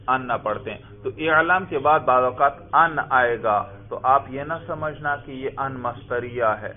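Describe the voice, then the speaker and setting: Guy teaching arabic grammar, keeps asking the class stuff then answering it, sounds tinny like a phone. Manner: asks the class questions and answers them himself; calls the listeners "brother" and slows down to stress the Arabic examples. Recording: tinny, phone-like low-fidelity audio.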